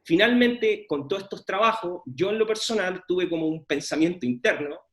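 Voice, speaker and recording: A man's voice: high-pitched, expressive, normal speed. A middle-aged man, giving an informal presentation of his research with many fillers and restarts. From Chile. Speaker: scientist presenting his work.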